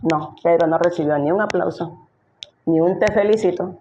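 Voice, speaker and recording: A woman's voice: fairly low pitch, normal speed, dark tone, a little hiss or hum. A woman pastor giving an emphatic sermon, full of rhetorical questions she answers herself.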